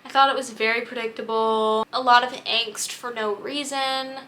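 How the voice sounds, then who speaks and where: A woman's voice: on the high side, fairly even intonation, moderate pace, pushed and bright. A young woman chatting candidly about books she has read, with plenty of fillers. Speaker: book vlogger. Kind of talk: casual chat.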